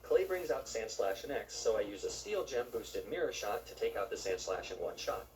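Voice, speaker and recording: A man's voice: on the low side, lively intonation, normal speed, echoey room, recorded from a distance, rough recording. A man narrating gameplay from a script as a video host, with wry, joking asides.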